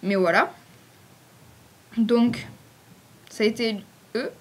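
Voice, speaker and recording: A woman's voice: on the high side, slow pace, slight background noise. Chatty woman with a southern French accent. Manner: chatty, rambling, frequent fillers. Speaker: fan page admin answering questions. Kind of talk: casual Q&A vlog.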